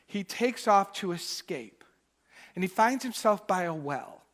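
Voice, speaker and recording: A male minister preaching a Sunday sermon in church, moving between loud emphatic bursts and soft, quiet asides. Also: high-pitched, expressive, measured pace. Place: church during a Sunday service.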